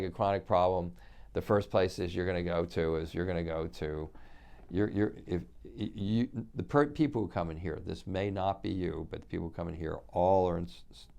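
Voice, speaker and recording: A man's voice: low voice, vocal fry, a little mellow. A middle-aged man giving an unscripted health lesson to viewers, talking in loose, rambling sentences full of restarts and repeated words. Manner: addresses viewers directly. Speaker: functional medicine practitioner.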